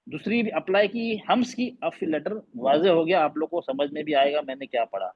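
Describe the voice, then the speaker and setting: A man with a husky, fairly high voice runs an online Quran recitation class, repeating letter sounds to demonstrate and quizzing his students. His sound is dry and close with no echo or room around it, carried through the dull, lo-fi audio of a video call.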